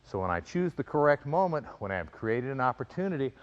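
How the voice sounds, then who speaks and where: A man giving an instructional fencing demonstration, explaining in a measured way and calling out crisp, clipped commands as an instructor. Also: medium pitch, very animated, muffled recording. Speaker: fencing and self-defense instructor.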